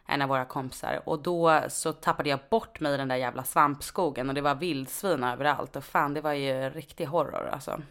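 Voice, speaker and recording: Low-voiced Stockholm woman chatting. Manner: informal, sweary, slangy speech. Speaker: podcast co-host; nurse. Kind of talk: casual conversational storytelling.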